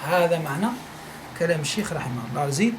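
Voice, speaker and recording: A man's voice: fairly high pitch, animated, fast. A male teacher from Algeria giving a classroom lecture, repeating his points and asking listeners whether they follow. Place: study circle room. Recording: echoey room, faint noise.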